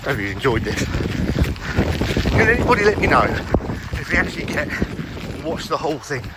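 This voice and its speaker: Middle-aged man, higher-pitched voice, rambling sweary vlog chat delivered while running, very loud outdoor wind noise. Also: sing-song, normal speed. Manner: talking while out running, in broken phrases; sweary, self-deprecating. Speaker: running vlogger. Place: outdoors along roads in the rain.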